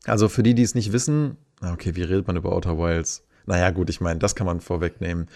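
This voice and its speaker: A man hosting a podcast, telling a story in a lively, relaxed, chatty way. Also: low-pitched, fast, vocal fry. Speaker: podcast host. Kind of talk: casual podcast chat.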